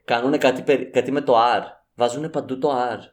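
Relaxed young man chatting. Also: medium pitch. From Cyprus. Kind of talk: casual chat.

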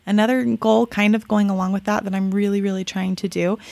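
A woman hosts her own podcast in an easy, upbeat, chatty way, doubling words when she wants to stress them. Her voice has a steady vocal fry running through it. The sound is close and dry, with no room around it. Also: medium pitch, fairly quick, dry recording. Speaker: podcast host. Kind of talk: casual solo podcast talk.

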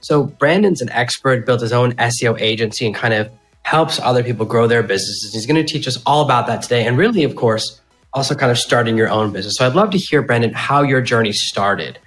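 A man's voice: mid-range voice, a little fast, a bit bright, soft background music. A man hosting a podcast interview in a conversational, chatty way, telling anecdotes and quoting little asides. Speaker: podcast host.

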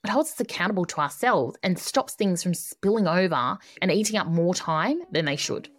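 A woman's voice: fairly low pitch, lively intonation, normal speed. A woman podcast host delivering an upbeat, tidy advice monologue, instructive and emphatic, building points in repeated phrases. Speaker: podcast host giving productivity coaching.

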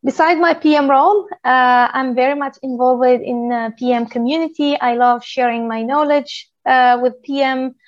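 A woman from Tunisia, a product manager in her thirties, giving a talk in a steady explanatory way with many "uh" pauses. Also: high-pitched, no echo, muffled recording. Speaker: guest speaker, product manager. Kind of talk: presentation talk.

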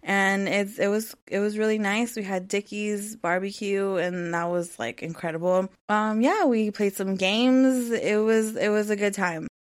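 A woman in her thirties hosts her own podcast, chatting casually on her own in a mid-range voice. She's unhurried with few pauses, rambling and leaning heavily on "um" and "like."

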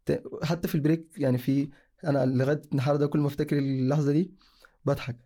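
A man's voice: a little high, steady tone, racing, warm tone. A young man from Sudan, casually telling his own story in a rambling way, often correcting himself mid-sentence. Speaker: guest sharing a personal story.

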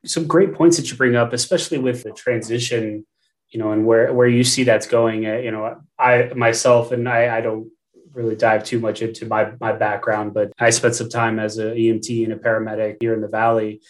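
A man's voice: on the low side, little pitch movement, fairly quick. A man with an American accent hosting a podcast interview, speaking hesitantly with many restarts. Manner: hesitant, with repeated restarts and fillers. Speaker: podcast host.

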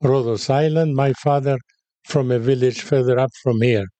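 An older man from Cyprus, born in Haifa, interviewed as a guest, telling his story in an unhurried, reflective way. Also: medium pitch, fairly even intonation, dark tone, no echo. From born in Haifa, raised in Cyprus. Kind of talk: interview conversation.

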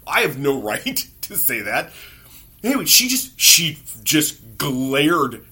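A man hosts a podcast and tells casual comedy stories about his own awkward moments. His voice is bright and forward, and he swears freely in a wry, self-mocking way. He keeps the delivery loose and conversational. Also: a little high, big pitch swings, takes it slowly, slightly rough. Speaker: podcast host.

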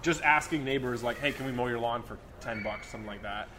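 A twenty-three-year-old business co-founder, a guest in a casual chat, candidly recounts his early ventures with a touch of complaining. He talks fast in a mid-range voice against a noisy background.

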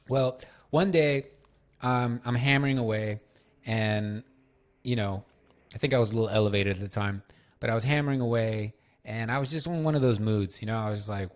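A man hosting a solo podcast, telling loose, profane stories with lots of fillers. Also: lowish voice. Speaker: podcast host.

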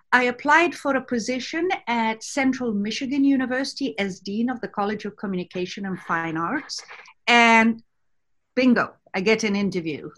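A woman's voice: fairly high pitch, fairly bright tone. Egyptian-raised woman telling her story. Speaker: guest. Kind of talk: podcast interview, personal story.

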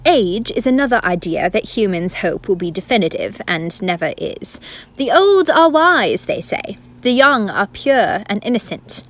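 In a radio play, a woman voices a learned female narrator who interrupts the scene, reading scripted narration in a formal, didactic, lecturing way. Her mid-range voice is sing-song and a bit bright, delivered a little slowly.

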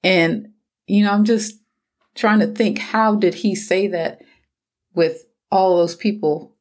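A woman's voice: mid-range voice, slow, a little mellow. A woman in a casual Bible discussion, thinking aloud and wondering about the scene. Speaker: Bible study co-host.

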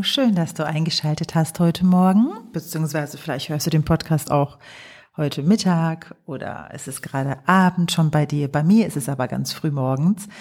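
A woman psychologist and coach hosting her podcast, talking gently and thoughtfully with pauses in a calm reflective monologue. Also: low voice. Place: home, early morning.

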